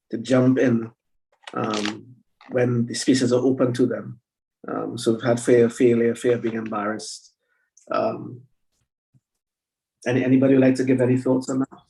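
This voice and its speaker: A man's voice: mid-range voice, gravelly, warm tone. A middle-aged man with a Trinidadian accent moderating an online panel discussion, hesitant, with many restarts and fillers. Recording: distant from the mic.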